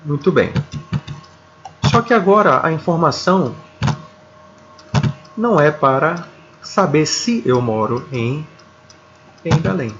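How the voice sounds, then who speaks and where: A Brazilian man teaches a video grammar lesson at an unhurried, careful pace, repeating himself and pausing to check that students follow. His voice sits at an ordinary middle pitch. The recording is slightly dull, with faint noise behind him. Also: lively intonation, fairly bright tone. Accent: Brazilian Portuguese. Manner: slow, deliberate, repeats words, checks in with "tá?". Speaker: English teacher.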